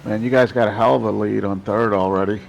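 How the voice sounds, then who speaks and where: A man's voice: fairly low pitch, steady tone, fast, vocal fry, slight background noise, poor audio. A man acting as a race spotter on the radio, giving short position calls and casual encouragement to the driver.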